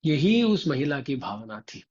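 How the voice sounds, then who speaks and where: A male religious teacher recounts a devotional tale at a very unhurried pace. His voice sits a little high for a man and has a husky, breathy edge. The recording sounds dull and lo-fi. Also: big pitch swings, darkish tone. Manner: slow and repetitive, often turning to the listeners with rhetorical prompts. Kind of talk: devotional storytelling discourse.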